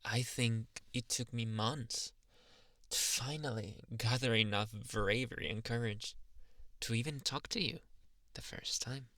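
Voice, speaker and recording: Man acting a slow, shy boyfriend, ASMR role-play. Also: medium pitch, no room sound, studio quality. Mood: shy, fond. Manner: soft, halting, intimate, teasing. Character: shy, tender, adoring young boyfriend reminiscing.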